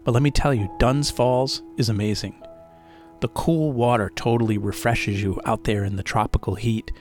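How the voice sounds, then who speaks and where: A man's voice: medium pitch, fairly even intonation, normal speed, darkish tone, faint music behind. A man narrating a first-person story as a podcast host, in a casual, chatty way with asides to the listener.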